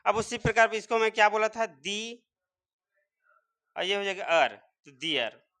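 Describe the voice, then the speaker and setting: A man's voice: high-pitched, a little slow, sharp tone. A man teaching English pronunciation step by step, repeatedly quizzing his viewers. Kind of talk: spoken English lesson.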